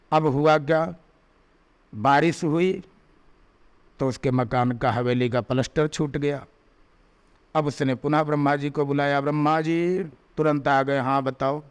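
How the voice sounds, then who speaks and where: Smooth-voiced male preacher telling stories. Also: fairly high pitch. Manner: storytelling, rising emphatic peaks and slowed recited verses. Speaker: spiritual preacher. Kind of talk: Hindi devotional discourse with storytelling.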